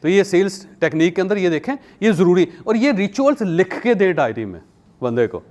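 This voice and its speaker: A man from Pakistan, hosting a talk and telling lively stories, acting out the people he quotes and laughing often. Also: high voice, a little fast. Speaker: talk show host and columnist. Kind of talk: animated conversational talk.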